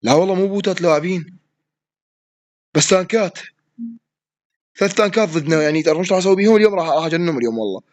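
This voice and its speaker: Iraqi guy yelling and swearing thru his match, talks super fast, kinda high voice. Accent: Iraqi Arabic. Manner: excitable, yells at opponents and swears mid-play. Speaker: gaming streamer. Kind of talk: live gameplay commentary.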